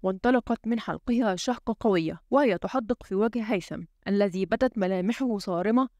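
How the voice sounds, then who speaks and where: A woman narrating a novel for an audiobook in a brisk, dramatic storytelling manner. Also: medium pitch, darkish tone, dry recording, muffled recording.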